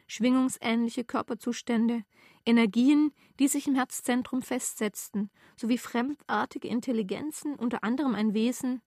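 A woman reading her first-person story aloud in a measured, deadpan way, recorded close to the mic. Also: a little high, dry recording. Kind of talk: literary reading.

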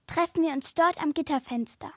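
Eine Frau, die in einem Hörrätsel eine geheimnisvolle, kindlich hohe Mädchenstimme spricht. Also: female voice, a little fast, fairly bright tone, no echo. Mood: mysterious. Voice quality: high, childlike.

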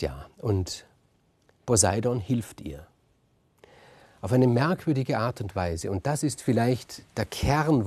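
A man retells an old myth as a storyteller, casual and lively, with chatty asides. His voice is dark and husky with a gravelly grain, recorded very dry and close. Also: lowish voice, no echo. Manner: lively, conversational, fond of asides. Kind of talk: free oral retelling of a myth.

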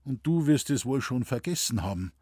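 A man's voice: medium pitch, animated, a little fast, dark tone, slightly rough, dry recording, studio quality. A man reading a story, voicing an earnest young village girl in dialect.

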